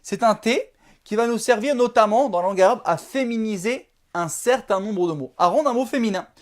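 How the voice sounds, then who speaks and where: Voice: medium pitch, fairly quick. A teacher giving a video lesson, speaking patiently, drilling syllables one by one and checking in with the viewer often. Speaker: Arabic alphabet teacher.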